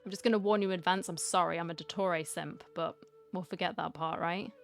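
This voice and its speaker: A woman's voice: on the low side, steady tone, fairly quick, creaky, faint music behind. Playful chatty woman streaming a game. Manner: playful, chatty, reacts aloud and reads lines along with the game. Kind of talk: casual gaming commentary.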